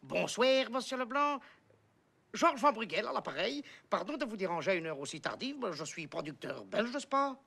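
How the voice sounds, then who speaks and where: A man's voice: sits high, sing-song, moderate pace, bright, forceful tone, exaggerated voice. A man putting on a bumbling fake Belgian producer. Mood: pompous. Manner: hesitant, overly formal, gravelly.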